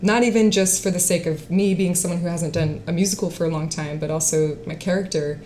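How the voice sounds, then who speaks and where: A woman's voice: fairly low pitch, fairly even intonation, fairly quick, mellow, a little hiss or hum. A woman in her late twenties, a singer-songwriter and actress, chatting in an interview with fillers and frequent laughter. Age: late 20s. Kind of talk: casual interview chat.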